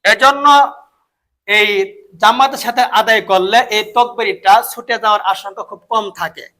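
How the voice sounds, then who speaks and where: A man's voice: sits high, pushed and bright. A Bangladeshi man with a Bengali accent preaching a sermon, emphatic and repeating key phrases. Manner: emphatic, repeats phrases, chants takbir slowly.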